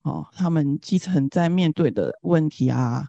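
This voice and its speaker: A woman's voice: low-pitched, measured pace, vocal fry, mellow, no echo, dull audio. A woman from Singapore with a Singaporean accent, sharing reflectively and casually as a guest in a conversational interview.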